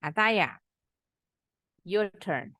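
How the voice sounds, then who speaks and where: A woman teaching an online English class, mixing explanation with slowly modeled words for students to echo. She speaks at an unhurried pace. The sound is close and dry. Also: mid-range voice, expressive, sharp tone. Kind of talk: online English lesson for teens.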